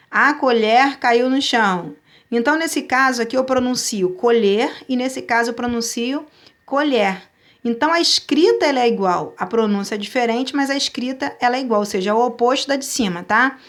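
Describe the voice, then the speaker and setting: Brazilian woman teaching a grammar lesson online, kinda high voice, explains step by step and keeps asking if students follow. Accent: Brazilian Portuguese. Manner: explains step by step, checking in with "né", "tá", "ok" between points.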